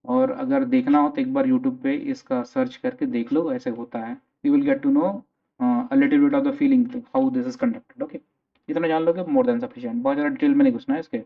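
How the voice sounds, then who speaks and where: A man's voice: on the high side, big pitch swings, normal speed, creaky. A male teacher with an Indian English accent gives a vocabulary lecture in mixed Hindi and English, asking and answering his own questions. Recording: tinny phone-like sound.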